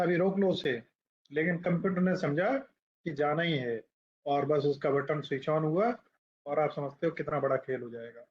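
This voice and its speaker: A man teaching a class, his voice sitting a little on the high side as he explains each point step by step and keeps asking his listeners questions. He pauses to write on the board as he goes. The recording is dull and lo-fi. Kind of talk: classroom lecture.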